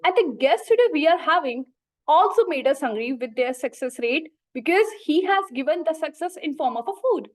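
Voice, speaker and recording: High-pitched Indian woman hosting a talk show. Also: lively intonation, fairly quick, low-quality recording. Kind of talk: podcast interview.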